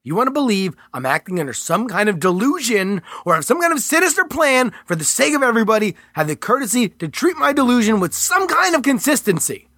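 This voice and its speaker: A man reading the part of a desperate male hostage-taker cornered on a bridge, pleading and defiant, breaking into shouts. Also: very high-pitched, big pitch swings, fairly quick, hardly any pauses, dry recording, clean studio sound, voice pushed up, exaggerated voice. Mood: indignant.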